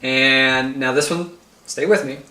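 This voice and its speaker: A man's voice: mid-range voice, fairly even intonation, unhurried, sharp tone, echoey room, recorded from a distance. A man co-hosting a casual fantasy sports chat, dry and teasing, laying out details step by step. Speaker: podcast co-host.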